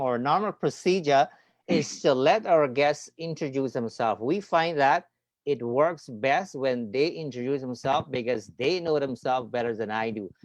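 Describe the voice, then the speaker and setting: A man hosts an online talk show, chatting in a friendly, rambling manner with lots of fillers, like a casual interview. His voice is on the high side, and there's no echo.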